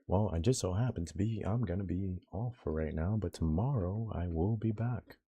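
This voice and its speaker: A man voicing a male TV news reporter in a loud announcing delivery, pitched above his own deep voice. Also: moderate pace, husky, muffled recording.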